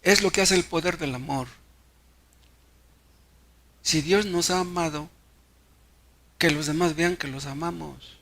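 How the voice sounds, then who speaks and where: Gravelly Mexican preacher. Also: male voice, on the high side, a little slow, pauses often, sharp tone. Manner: storytelling with rhetorical questions to the congregation; repeats words and restarts mid-phrase. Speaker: pastor. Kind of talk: sermon.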